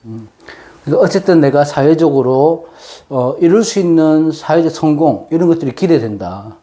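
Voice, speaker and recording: Male lecturer, mellow and fairly high-pitched, slightly numb-mouthed slurring from dental work, explaining off the cuff with pauses. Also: expressive. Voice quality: slightly slurred, tangled articulation after dental anesthetic. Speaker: fortune-telling lecturer.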